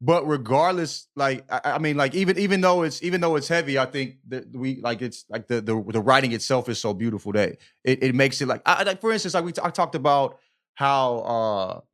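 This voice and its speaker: This podcast co-host has a mid-range, slightly bright voice and speaks a little fast. His book talk is loose and slangy, full of emphatic repetition and constant "you know what I mean" check-ins to be sure he's understood.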